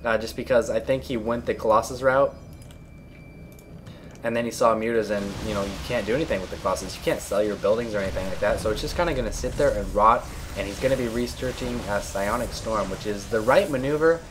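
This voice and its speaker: A man's voice: fairly low pitch, quick pace, noisy background. Coughing man casually commentating a game. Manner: chatty, blunt, opinionated. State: coughing and clearing his throat often. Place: at home.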